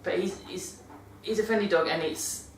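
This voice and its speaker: In a casual monthly vlog, a British woman shares dog-care tips, chatty and rambling, frequently fixing what she says partway through. She has a mid-range voice at normal speed. The mic sits far off, so the room comes through, along with a little hiss or hum.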